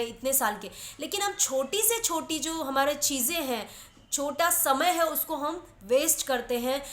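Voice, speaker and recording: A woman's voice: high voice, fairly bright tone, roomy sound. A woman preaching a sermon in earnest, exhorting tones, often breaking in with hallelujahs.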